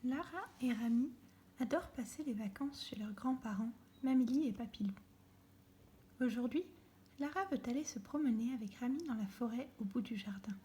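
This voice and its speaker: A woman reading a children's story aloud, soft and often near a whisper. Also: fairly high pitch, moderate pace, a little hiss or hum.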